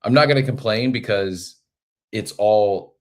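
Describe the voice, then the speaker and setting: A man with a very deep voice hosts a casual live audio show, congested and nasal from a head cold. He rambles in a friendly way, full of fillers and restarts. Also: measured pace. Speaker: podcast host.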